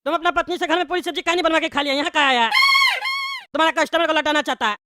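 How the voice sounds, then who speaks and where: A woman's voice: sits high, fairly even intonation, very fast, very noisy, close to an everyday voice. A woman voicing a rude, hot-headed bald widower who rants with insults and threats. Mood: angry. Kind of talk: cartoon voice acting.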